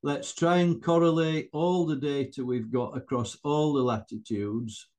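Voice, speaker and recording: An elderly man's voice, mid-pitched and unhurried, presents scientific research with slides. He talks informally and haltingly, taking his time and addressing his listeners in asides. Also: fairly even intonation, darkish tone. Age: older.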